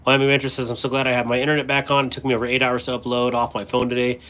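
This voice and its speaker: A man's voice: mid-range voice, completely flat delivery, rapid-fire, fairly bright tone. Rambling man chatting on a livestream. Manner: rambling, talks to chat while sorting items. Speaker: livestream host. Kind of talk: casual live-stream chat. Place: indoors at a cluttered workspace.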